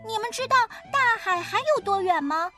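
A woman reading and doing Keke the little turtle from a storybook: a small child who is curious and eager, with a high voice that jumps up and down, asking one question after another. Faint music plays in the background. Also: expressive, normal speed, sharp tone, exaggerated voice.

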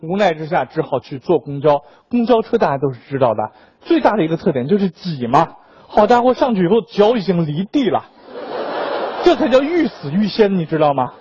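A young man doing a stand-up comedy monologue, telling an exaggerated story in an animated way. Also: high voice, a little fast, husky, muffled recording. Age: young adult.

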